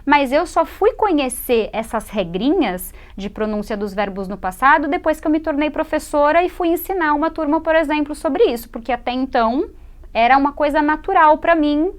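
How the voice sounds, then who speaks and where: A woman from Brazil who teaches English on television. Her voice sits a little high, and she explains patiently, repeating words and modelling the sounds slowly for her viewers. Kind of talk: TV English lesson.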